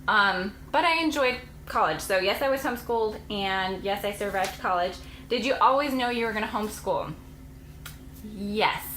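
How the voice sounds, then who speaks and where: A woman's voice: medium pitch, normal speed, fairly bright tone, roomy sound, slight background noise, rough recording. A woman in her late twenties, a homeschooling mom vlogger, chatting casually and rambling to camera with frequent laughs. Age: late 20s.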